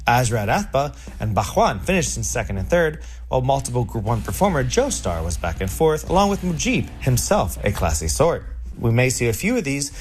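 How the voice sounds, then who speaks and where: A man's voice: medium pitch, sing-song, fairly quick. A man presenting a scripted recap of horse racing results as a show narrator. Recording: music bed behind the voice. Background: music.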